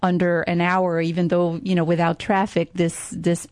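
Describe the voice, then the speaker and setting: A middle-aged woman from Quebec, a French Canadian speaking English as her second language, appears as a tourism marketing guest in a conversational interview, chatting enthusiastically about tourism with frequent fillers. Her voice is lowish and darkish, delivered completely flat at a normal speed. The recording is dry, with clean studio sound.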